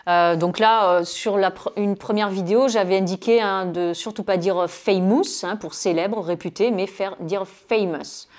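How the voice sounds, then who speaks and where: A woman from France teaches English pronunciation in a video lesson. She speaks at a middle pitch and explains each point patiently, often dropping in "euh" and a tag "hein". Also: fairly even intonation, normal speed, hardly any pauses.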